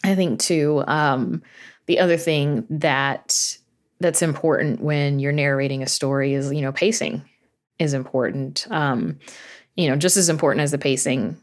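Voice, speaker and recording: A podcast creator and narrator, appearing as an interview guest, explains her thinking casually in a low voice at a measured pace. She sprinkles her answers with "you know."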